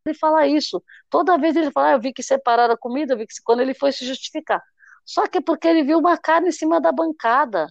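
Chatty woman podcast host retelling scenes, slightly high voice, dry close mic, muffled sound. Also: fast, creaky, no echo. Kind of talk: casual chat.

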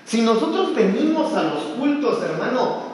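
A man's voice: very high voice, big pitch swings, normal speed. A man preaching a sermon to his congregation, calling them "hermano" as he speaks. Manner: impassioned, addresses congregation as "hermano". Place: church hall. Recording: echoey hall, faint room noise.

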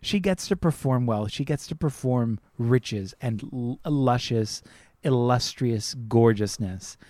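Man co-host, casual film chat, emphatic delivery, mid pitch, dry. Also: takes it slowly, mellow, dry recording. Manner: emphatic, repeats words for stress.

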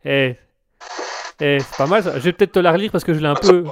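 A man's voice: sits high, rapid-fire, a little hiss or hum. A man hosting a casual show, joking playfully and often breaking into laughter. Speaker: show host.

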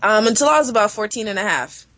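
A woman's voice: mid-range voice, animated, fast talker, a bit bright, no room sound. A woman from Southern Africa with a Southern US accent, telling stories as a podcast guest in a sassy, playful smack-talking way. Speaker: podcast guest, lifestyle blogger. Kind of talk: casual chat.

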